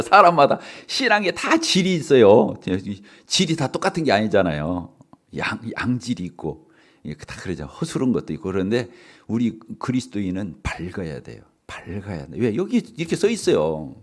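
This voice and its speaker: A middle-aged male pastor giving a sermon in a church, animated, asking the congregation questions and laughing often. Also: fairly low pitch, moderate pace. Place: church sanctuary.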